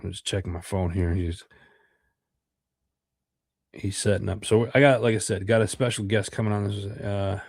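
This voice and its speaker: A middle-aged American podcast host, congested from a cold, rambles through a livestream chat full of fillers and repeated words. His lowish, darkish voice has a breathy edge and fairly even intonation at normal speed, with frequent pauses. The studio-quality recording has no room sound.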